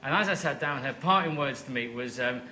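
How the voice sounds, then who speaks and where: Comedian guest, man, bright voice, wry storytelling on a live stage. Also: medium pitch, a little fast, slight background noise, rough recording. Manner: wry, self-deprecating anecdotes. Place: live stage show before an audience.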